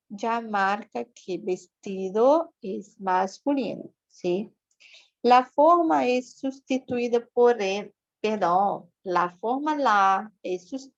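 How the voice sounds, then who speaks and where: A woman, teaching a recorded Spanish grammar lesson and checking in with her students as she explains. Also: fairly high pitch. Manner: explains patiently, checking with "certo?" and "sim?"; switches between Portuguese and Spanish explanations. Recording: dull lo-fi home recording.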